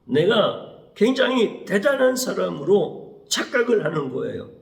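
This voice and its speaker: A male pastor preaching a Wednesday sermon in a lively way, acting out prayers in a pleading voice. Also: high voice, measured pace, gravelly. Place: church sanctuary. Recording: echoey church room.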